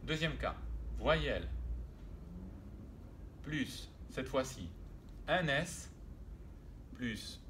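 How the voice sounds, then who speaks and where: A man's voice: mid-range voice, animated, very slow, pauses often, a bit bright, slight background noise. A man teaching French spelling and pronunciation, patiently repeating words and sounds, with hesitations and self-corrections.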